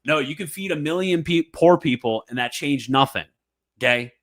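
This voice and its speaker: A man's voice: a little high, moderate pace, fairly bright tone. Fervent man in emphatic commentary. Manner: mocking asides. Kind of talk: animated commentary reading and reacting to a papal text.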